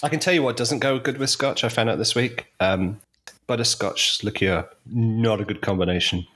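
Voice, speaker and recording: A man's voice: lowish voice, normal speed, fairly bright tone, slightly rough. A man hosting a podcast chat, joking and teasing his guests. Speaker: podcast host and editor. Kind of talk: casual chat.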